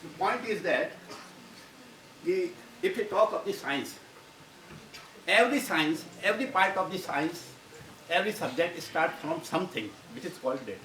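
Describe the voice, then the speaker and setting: A man's voice: high-pitched, lively intonation, moderate pace, long pauses, sharp tone. Rambling man lecturing in a hall. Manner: rambling, repeats and restarts phrases. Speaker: guest lecturer. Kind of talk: university lecture. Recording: roomy, distant mic, audible background noise.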